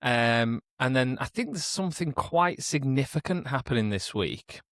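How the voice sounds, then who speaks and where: A young man co-hosting a casual sports podcast from a kitchen, relaxed and rambling with dry humour. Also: medium pitch, moderate pace, no room sound. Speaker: podcast co-host.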